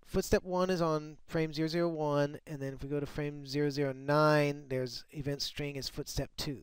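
A man walking through a screen-recorded software tutorial, often restarting and repeating words as he explains. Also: mid-range voice, clear, resonant tone, no echo. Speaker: software developer demonstrating his tool.

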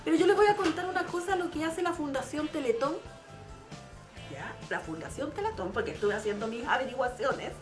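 High-voiced woman presenter. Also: brisk, soft background music. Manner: lively, asks the others questions. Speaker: co-host. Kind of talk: casual TV panel chat.

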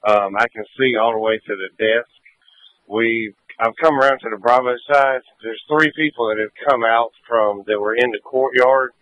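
A man's voice: mid-range voice, moderate pace, fairly bright tone, no echo. A male fire captain giving a matter-of-fact situation report over a two-way radio. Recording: narrowband tinny radio.

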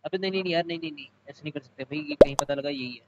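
A young man streaming a mobile game with friends, chatting excitedly and often exclaiming. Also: a little high, rapid-fire. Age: young adult. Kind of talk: casual gaming banter. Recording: muffled stream audio with loud noise.

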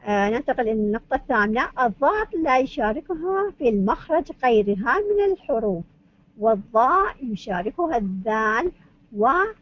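A woman's voice: on the high side, very animated, a little fast, no echo. A woman giving a university lecture, going point by point and asking and answering her own questions. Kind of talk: academic lecture on Arabic phonetics. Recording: dull lo-fi recording.

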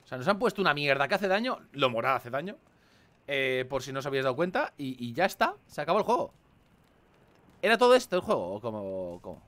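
A man with a Spain Spanish accent commenting on a game he plays, animated and swearing, with mock-dramatic outbursts. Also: medium pitch, fast talker. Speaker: gaming video host. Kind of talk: casual gameplay commentary.

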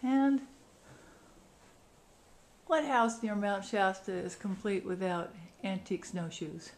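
A vacation rental host leads a casual tour of a house, walking from room to room and describing things in short phrases. Her voice is medium in pitch, with fairly even intonation and a slow pace. It was captured indoors on a handheld camera's built-in mic, so the recording is noisy.

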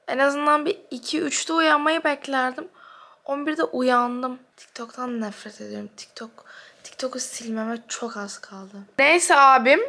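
A woman's voice: on the high side, fairly bright tone. A young woman vlogging in casual chat to the camera, blunt and self-mocking, swearing freely as she rambles about her day. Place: at home and out and about.

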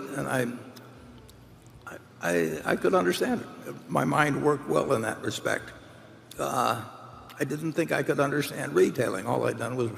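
Gravelly older man rambling in a big hall. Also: mid-range voice. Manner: rambling with many restarts and uh fillers. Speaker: chairman answering shareholder questions. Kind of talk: unscripted Q&A answers. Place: large hall stage, seated at table. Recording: large reverberant hall, faint ambience.

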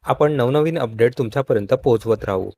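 A man's voice: medium pitch, brisk, slightly rough. Man narrating a TV serial recap. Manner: steady storytelling, addresses viewers as friends. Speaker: show recap host.

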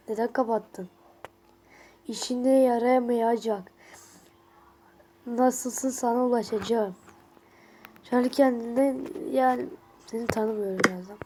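A woman's voice: fairly high pitch, mellow, slight background noise. A young woman with a stuffy nose reads a horror chat aloud to her viewers, swearing bluntly and casually as she goes. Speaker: vlogger.

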